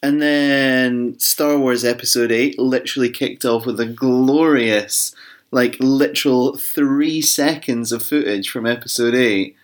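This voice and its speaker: A man's voice: medium pitch, fairly even intonation, a little slow. Man chatting through his fan theories. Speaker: podcast co-host. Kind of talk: casual chat.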